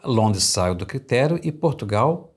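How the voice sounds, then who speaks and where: A man's voice: medium pitch, sing-song, measured pace, husky. A man hosting an interview, a lawyer explaining things in a reflective way. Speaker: host, lawyer. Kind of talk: interview conversation.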